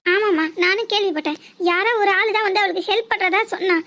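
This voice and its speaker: A woman's voice: extremely high pitch, fast, pushed and bright, heavily acted. A woman voicing a spoiled young daughter in a cartoon who talks back cockily. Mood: cocky.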